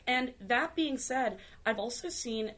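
A woman's voice: a little high, measured pace. A woman in her thirties, a guest on a podcast, talking boldly and flirtatiously in casual chat. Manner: bold, animated and flirtatious. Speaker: guest, TV host.

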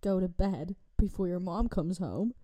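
A woman's voice: on the low side, measured pace. A young woman co-hosting a podcast, telling stories in casual chat and laughing often. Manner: laughing often, giggly and animated. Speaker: podcast co-host.

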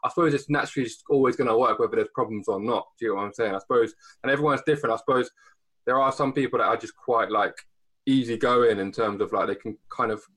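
A man's voice: medium pitch, fast talker, fairly bright tone, rough recording. A young man hosting a casual podcast, thinking aloud in a rambling, hesitant way. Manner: rambling, hesitant, many fillers and restarts. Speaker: podcast host. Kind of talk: casual chat.

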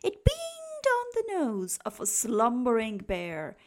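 A woman reading a rhyming children's picture book aloud in a slow, expressive, lilting way. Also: fairly high pitch, slight background noise. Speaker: storybook reader.

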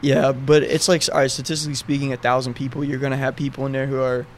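Casting: man, mid pitch, flat intonation, informal rambling conversational delivery, faint outdoor city noise. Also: fast talker. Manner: informal, loosely structured, peppered with "like", "right" and "you know". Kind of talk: casual faith discussion.

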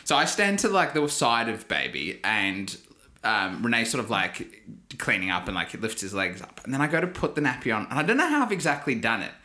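A young man co-hosting a podcast, telling funny stories in a casual, animated way and laughing often. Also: mid-range voice, brisk. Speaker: podcast co-host. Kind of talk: casual chat.

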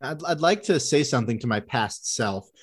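A man's voice: mid-range voice, expressive, moderate pace, breathy edge. A man in his thirties co-hosting a sports podcast, talking in a wry, rambling, self-deprecating way. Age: 30s. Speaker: podcast co-host. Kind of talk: casual sports chat.

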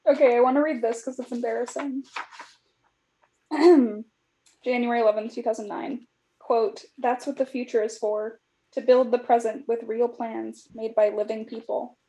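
Mellow-voiced woman reading her old journals. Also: a little high, fairly even intonation, normal speed. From California. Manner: reflective, with frequent "like" fillers. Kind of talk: casual chat, reading aloud from old journals.

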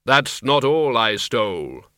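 A man voicing Death, a grim skeletal male reaper who speaks slowly in a flat, deadpan way. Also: smooth, dry recording, studio quality, heavily acted. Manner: slow, deep, deadpan.

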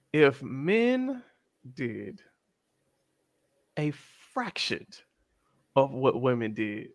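A man co-hosting a casual chat, animated and acting out quotes in shifting voices. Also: mid-range voice, no echo, clean studio sound. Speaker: podcast co-host.

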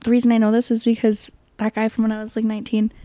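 A woman's voice: on the high side, monotone, quick pace, dark tone, no echo, clean studio sound. A young woman co-hosting a podcast who gives her opinions casually, saying "like" a lot. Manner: opinionated, filler-heavy with lots of "like". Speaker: podcast co-host. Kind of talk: casual chat.

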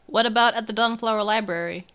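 Bright-voiced woman player. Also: fairly high pitch, fast, clear, resonant tone. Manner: casual, laughing often. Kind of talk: casual tabletop play chat.

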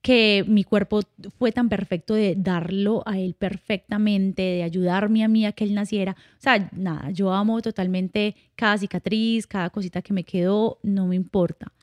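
A young woman shares her life in a relaxed podcast conversation, candid and heartfelt. Her voice is mellow and warm, and the recording is dry and close with no room sound. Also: mid-range voice, moderate pace, hardly any pauses, dry recording. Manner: candid and heartfelt, storytelling with quoted dialogue. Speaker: podcast guest. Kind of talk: casual conversational interview.

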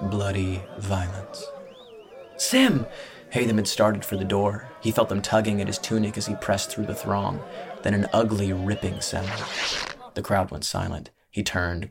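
A man reading a dramatic story as narrator, in a measured, dramatic way. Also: on the low side. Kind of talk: scripted audiobook narration. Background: music.

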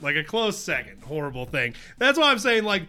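Young male podcast host, bright and a touch high, loose and laughing while he reads notes. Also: sing-song, brisk. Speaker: podcast co-host presenting research. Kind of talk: casual chat.

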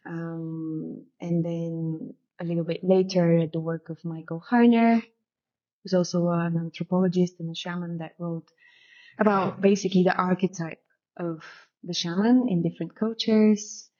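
The guest, a shamanic guide from Bulgaria in her thirties, sounds fairly low, a little mellow, and unhurried, with fairly even intonation. Captured on a muffled lo-fi recording, she tells her story reflectively in a casual interview, full of "you know" fillers.

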